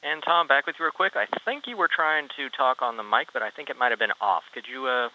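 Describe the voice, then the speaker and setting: Man on a crisp mission-control radio link. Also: mid-range voice, fast, pushed and bright. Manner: crisp procedural radio talk. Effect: space radio comm link. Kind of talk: radio comm check protocol. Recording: distant radio link with faint hiss.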